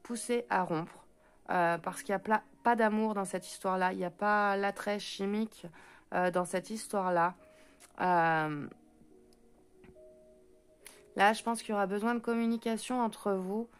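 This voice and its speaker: A woman with a French accent doing a spoken card reading for viewers. She talks fast, trips over her words and fills pauses with hesitant sounds. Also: mid-range voice, smooth, faint music behind. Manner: talks fast and stumbles, many hesitant fillers. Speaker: intuitive card reader.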